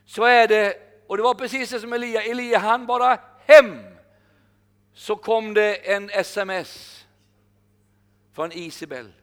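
An older man preaching a sermon, emphatic, slowing down to repeat his key phrases. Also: sits high.

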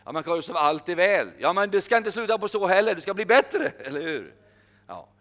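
An older man preaching a sermon, emphatic, slowing down to repeat his key phrases. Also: high-pitched, animated, a bit bright.

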